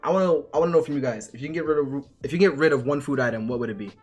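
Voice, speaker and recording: A man's voice: medium pitch, rapid-fire, a little mellow, faint music behind. A young man co-hosting a podcast, talking casually and playfully, laughing often. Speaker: podcast co-host. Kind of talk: casual chat on a live stream.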